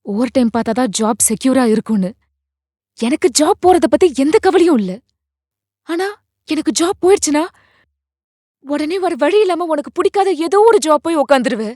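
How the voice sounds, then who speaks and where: A woman's voice: high-pitched, expressive, normal speed, long pauses, dark tone, dry recording, clean studio sound. An actress playing a young wife who argues and pleads with her husband, her voice tense with emotion. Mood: pleading. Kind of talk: short film acting.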